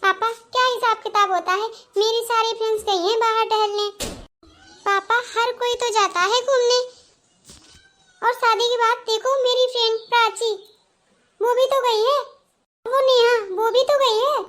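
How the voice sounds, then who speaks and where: A woman voicing a headstrong young bride in a cartoon, talking back sharply in a very high voice. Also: fairly even intonation, unhurried, a bit bright. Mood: defiant. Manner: defiant, talks back sharply. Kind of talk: Hindi cartoon voice acting.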